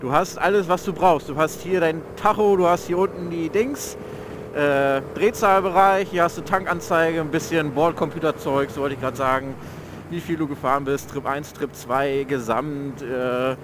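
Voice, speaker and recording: A young man reviews his motorcycle on the move, giving loose, slang-heavy vlog commentary and often stumbling to find words. His pitch is fairly high, his intonation fairly even, and his pace moderate. The mic inside his helmet captures engine, road and outdoor traffic noise as well.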